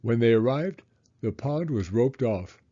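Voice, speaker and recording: Slow, expressive male storybook reader. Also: medium pitch, muffled recording. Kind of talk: expressive scripted storybook narration.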